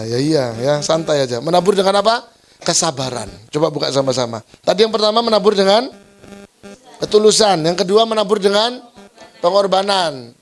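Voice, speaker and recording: A male pastor with a Surabaya accent preaching a playful, joking sermon to his church, teasing the congregation and laughing often. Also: on the high side. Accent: Surabaya Javanese-flavored Indonesian. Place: church service.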